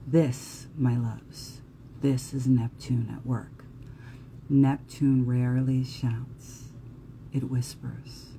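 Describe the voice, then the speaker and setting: A woman's voice: extremely low pitch, flat delivery, drawn-out words, dark tone, slight background noise. A woman with a New Jersey accent giving a live astrology talk in an earnest, emphatic way. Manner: earnest, emphatic, occasional profanity.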